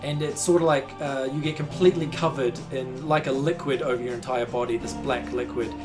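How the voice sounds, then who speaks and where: Game master narrating over soft music. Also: mid-range voice, steady tone, fairly quick. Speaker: game master and podcast host. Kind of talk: narrating a tabletop role-playing game. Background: background music.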